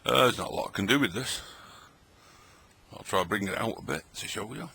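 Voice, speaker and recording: A man's voice: on the low side, lively intonation, fairly quick, gravelly, sharp tone, slight background noise. A middle-aged man, chatting and joking in a rambling way while tasting old tinned food at his table late at night. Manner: chatty, rambling, jokey, talks while eating. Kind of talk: casual late-night vlog talk.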